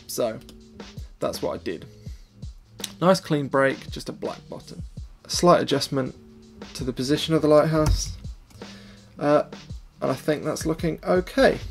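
A man's voice: medium pitch, gravelly. A young man chatting casually and explaining his photo editing step by step, self-deprecating. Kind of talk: casual vlog and editing tutorial.

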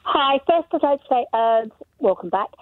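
A woman's voice: high-pitched, lively intonation, moderate pace, no echo. Wobbly, warbling woman on a tinny phone line. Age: 50s. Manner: hesitant, with many ums and restarts. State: wobbly, warbling voice that goes wonky at times. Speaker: radio phone-in caller. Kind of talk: casual phone-in call. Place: on a phone call to a radio studio.

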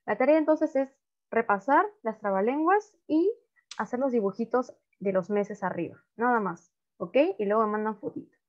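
A woman's voice: fairly high pitch, normal speed, dull audio. A woman teaching English to young children online, having them repeat words after her. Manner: patient, repeats words for pupils to echo.

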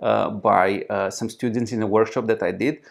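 A man's voice: fairly low pitch, steady tone, creaky. A man, answering interview questions in English as a startup founder, with frequent restarts and fillers, recorded seated in a small conference room. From Romania. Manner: halting, frequent restarts and fillers, gestures while talking.

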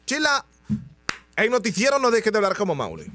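A man's voice: sits high, huge pitch swings, quick pace, a bit bright, soft background music. A man with a Honduran accent hosting a comedic radio news show, joking and slipping into a mock newsreader voice.

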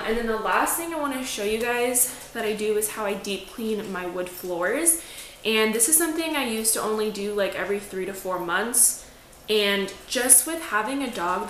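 A woman's voice: medium pitch, fairly bright tone. Woman, 20s, upbeat casual vlogging, talks to a camera in a bare echoey room. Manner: chatty, upbeat, says "like" often. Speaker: lifestyle vlogger. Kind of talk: casual cleaning vlog narration. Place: small apartment living room, indoors. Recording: echoey room, faint room noise.

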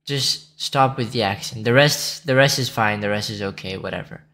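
A man's voice: fairly low pitch, moderate pace, bright, forceful tone. A young man casually reacting to chess videos, blunt and sarcastic, often trailing off into mumbles. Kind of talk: casual mocking reaction commentary.

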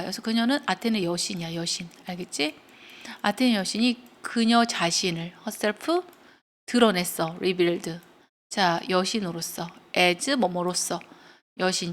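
A woman teaching English grammar to students, explaining step by step and checking in with them often as she retells a story. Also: medium pitch.

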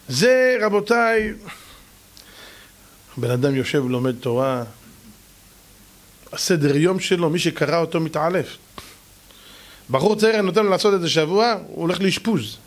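A man preaching as a rabbi, his voice sitting a little high. He tells stories with lots of exclamation, acting out the voices of the people in them and turning again and again to address his listeners directly. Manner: animated, acts out quoted voices, exclamatory. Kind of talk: storytelling sermon.

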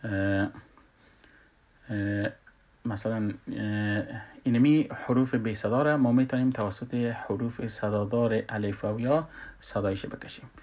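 A man's voice: lowish voice, fairly even intonation. Hesitant man with an Afghan Dari accent. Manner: hesitant, many filler sounds, sounds out letters loudly. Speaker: Quran recitation teacher. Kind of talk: tajweed lesson.

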